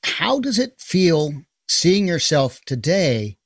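A man's voice: a little high, big pitch swings, slow pace, slightly rough, no echo, clean studio sound. A man who conducts the interview and reads out questions sent in by the audience.

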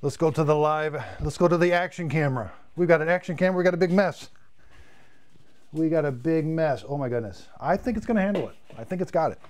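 With a slightly high, slightly mellow voice and a quick pace, a man in his fifties enthusiastically demos cleaning equipment on a live stream. He chats away, repeating words and losing his voice, in a home studio with shelves of vacuums, and there's slight background noise.

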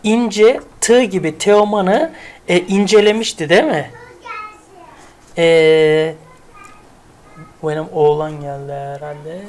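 A woman's voice: fairly low pitch, slow pace, long pauses, a little mellow, a little hiss or hum. A woman teaching English vocabulary in a casual, chatty way, repeating words and building memory tricks. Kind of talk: casual spoken lesson.

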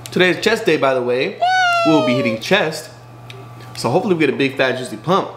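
A man's voice: fairly high pitch, expressive, a little fast, very noisy. A man in his twenties talking casually to a handheld camera, hyped and slangy, swearing freely about workouts. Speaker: fitness vlogger. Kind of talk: casual vlog talk. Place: car, gym and home.

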